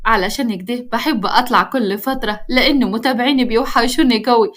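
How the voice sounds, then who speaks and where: A woman voicing a cheerful young woman who chats warmly. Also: a little high, brisk, close to an everyday voice. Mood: friendly. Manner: warm, chatty.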